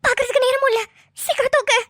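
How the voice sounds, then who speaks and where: A woman's voice: extremely high pitch, fairly even intonation, racing, a bit bright, no room sound, studio quality. A woman voicing a young woman in a cartoon who takes charge in an emergency, urgent and commanding. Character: alarmed young woman, bossy in a crisis. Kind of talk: cartoon voice acting.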